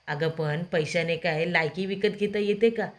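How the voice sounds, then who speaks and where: A furious grown daughter in a storybook-style serial recap scolds her mother with bitter scorn, as a woman narrator puts her on. Her voice stays low and hard, pushed louder than plain narration. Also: normal speed, close to an everyday voice. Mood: scornful.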